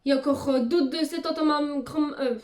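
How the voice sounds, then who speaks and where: Young woman vlogger: high, chatty, lots of exclamations, recorded in an echoey room. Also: steady tone, a little fast, darkish tone. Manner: chatty, exclamations and many fillers. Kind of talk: casual chat to camera.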